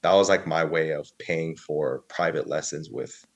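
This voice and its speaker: A man's voice: very deep voice, moderate pace, highs cut off. A man in his early thirties, a podcast guest telling his story in a casual, rambling way, full of fillers and quoted dialogue. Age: 30s.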